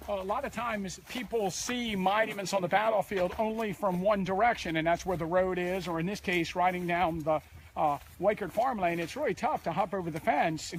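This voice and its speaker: A man's voice: high-pitched, slight background noise. A man chatting casually outdoors on a battlefield tour, hesitant with many fillers. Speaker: co-guide. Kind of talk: casual chat on a walking tour.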